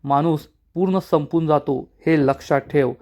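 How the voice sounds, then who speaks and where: A hardworking young village man who lays down the law firmly and lectures, as a male narrator puts him on. It is close to the narrator's own slightly high voice, steady and serious. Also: unhurried, lightly acted. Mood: stern. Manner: firm, lecturing.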